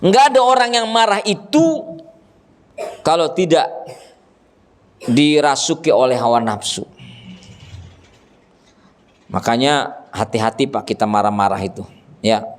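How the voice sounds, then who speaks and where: A man preaching a religious lesson to a gathering, animated and joking with the audience, acting out scolding parents. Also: medium pitch, measured pace, long pauses. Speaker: ustadz teaching a religious study group. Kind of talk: sermon. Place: gathering with children and fathers present.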